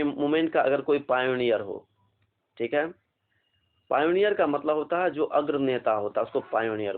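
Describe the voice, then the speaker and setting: Man teaching vocabulary on a tinny line. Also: mid-range voice. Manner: spells words letter by letter, repeats and asks questions. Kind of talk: exam vocabulary lesson. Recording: phone-like narrow band.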